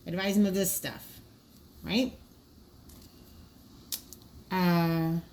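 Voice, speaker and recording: Over a slight hiss or hum, a woman with a mid-range voice acts as trainer, presenting draft cards for dispatcher training. She talks informally and practically, explaining each point and often thinking out loud.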